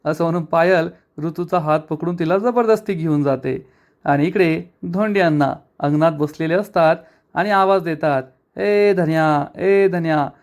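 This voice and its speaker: A man recaps a TV serial episode, telling the story in a steady, even manner. His voice sits noticeably high for a man. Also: moderate pace.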